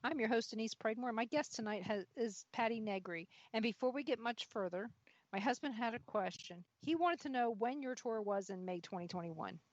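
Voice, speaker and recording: A woman's voice: a little high, brisk, no echo. A woman hosting a radio talk show in a casual, chatty way. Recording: dry but dull lo-fi audio.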